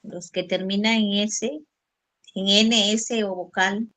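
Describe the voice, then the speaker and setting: A woman's voice: mid-range voice, steady tone, takes it slowly, a bit bright. A female student answering her teacher with short, hesitant replies in an online class.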